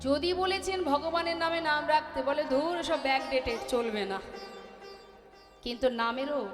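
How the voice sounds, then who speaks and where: High-voiced Bengali woman preaching in echoey hall. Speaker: kirtan singer and preacher. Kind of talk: devotional chanting and spoken sermon.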